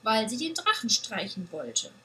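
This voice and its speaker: A woman's voice: very animated, unhurried, bright, forceful tone, exaggerated voice. Little goat girl voiced by a woman. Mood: sheepish. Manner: childlike, high and pleading.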